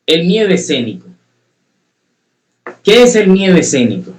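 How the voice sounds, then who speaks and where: A man's voice: sits high, sing-song, moderate pace, poor audio. Earnest man teaching public speaking. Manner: earnest, repeats key phrases for emphasis; addresses students directly, asks questions. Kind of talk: online class lecture.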